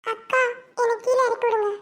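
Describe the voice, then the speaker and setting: A woman's voice: very high-pitched, steady tone, a little fast. A woman voicing a chatty preschool girl in a cartoon, with childish baby talk. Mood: whiny. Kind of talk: cartoon web series voice acting.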